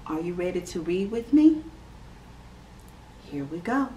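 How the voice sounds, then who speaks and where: Reading a picture book to little kids in her classroom, this preschool teacher is very animated, unhurried and clear, with a sing-song lilt and a mellow voice slightly low for a woman. The low-quality recording comes from a distant camera mic a few feet off, and faint room hum is audible indoors.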